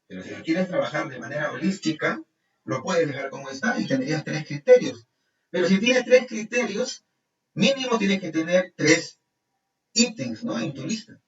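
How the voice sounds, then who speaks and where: A man's voice: fairly high pitch, animated, moderate pace. A man teaching a workshop, explaining step by step, reading criteria aloud and often asking listeners to confirm. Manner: explains step by step, frequent tag questions, reads criteria aloud. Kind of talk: live online workshop instruction. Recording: roomy, distant, dull sound with faint music.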